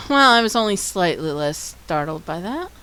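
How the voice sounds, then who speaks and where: A woman's voice: lowish voice, big pitch swings, unhurried, pushed and bright, smooth. A woman from the US chatting casually and wryly while playing a game on stream. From United States. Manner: chatty, rambling, wry. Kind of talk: casual gameplay commentary.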